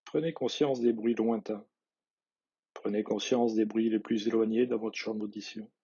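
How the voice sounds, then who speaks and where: A man guiding a yoga nidra relaxation, reading measured instructions in a husky voice with soft phrase endings. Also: on the low side, steady tone, muffled recording. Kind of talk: guided relaxation meditation, read instructions.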